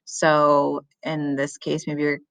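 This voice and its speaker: A woman teaching a recorded lesson to her students, speaking casually and filling pauses with ums. Her voice sits fairly low. The recording is close and dry. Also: completely flat delivery, vocal fry, a bit bright, no echo. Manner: casual explaining with many ums.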